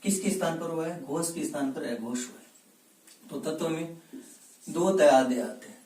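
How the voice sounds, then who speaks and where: A man's voice: a little high, measured pace, warm tone. Man teaching Hindi grammar in an echoey room. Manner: asks questions and answers them himself, repeats words for drill. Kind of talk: exam-prep grammar lesson. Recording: echoey room, mic at a distance.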